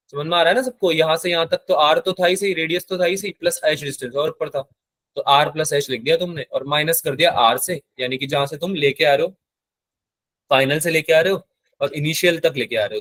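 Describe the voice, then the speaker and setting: A male physics teacher lectures, switching between Hindi and terms. His voice sits a little high, and the sound is dry and close. He keeps stopping to quiz his class. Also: a bit bright, no room sound. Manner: asks the class frequent check questions; mixes English terms into Hindi.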